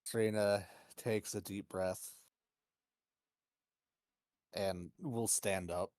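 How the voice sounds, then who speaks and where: A man speaks as a player in a tabletop game, slowly and hesitantly. His voice is very deep. The sound is close and dry. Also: steady tone, darkish tone, no room sound. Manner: hesitant, thinks aloud.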